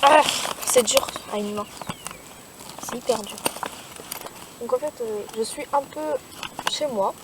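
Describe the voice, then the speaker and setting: Teenage girl, first-time vlogger, hesitant with lots of fillers, slightly high voice, heavy noise behind. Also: measured pace, long pauses. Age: teens. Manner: hesitant, many fillers and restarts. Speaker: youtuber. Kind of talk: casual show-and-tell vlog. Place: in the boot of a car.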